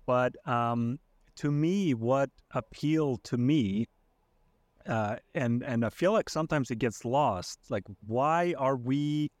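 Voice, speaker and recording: A man from Iceland, a podcast guest, talking casually and thoughtfully with many pauses and restarts. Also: mid-range voice, darkish tone, no echo. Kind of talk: casual conversation.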